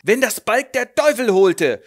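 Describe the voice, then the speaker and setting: A man's voice: high-pitched, lively intonation, moderate pace, fairly bright tone, voice pushed up. Man doing a pompous washed-up actor. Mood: drunk raging. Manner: theatrical, declaiming. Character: pompous out-of-work Hamlet actor father.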